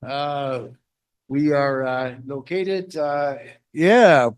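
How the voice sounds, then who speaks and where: A man with a North American English accent that carries into his imperfect Spanish, a native English speaker giving a halting conference talk as guest lecturer. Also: fairly high pitch, clear, resonant tone, no room sound. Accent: North American English accent, also when speaking Spanish. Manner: halting, with short phrases.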